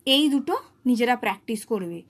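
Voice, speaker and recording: A woman with a slightly high voice teaches pronunciation, drilling single syllables one at a time. She records herself on a phone held in one hand. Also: expressive, fast talker, husky. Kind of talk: phonetics lesson.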